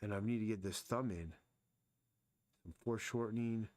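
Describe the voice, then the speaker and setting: A man's voice: fairly low pitch, normal speed, a little mellow, no room sound. A man casually thinking aloud as he sketches and explains anatomy during a live drawing stream. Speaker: artist streaming his drawing.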